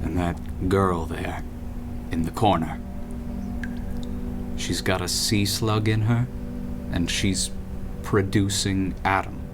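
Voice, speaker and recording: A male actor with a deep voice plays an imperious, cold, grandiose city founder in a radio drama. His delivery is measured, formal, and oratorical, with steady background noise running under the voice.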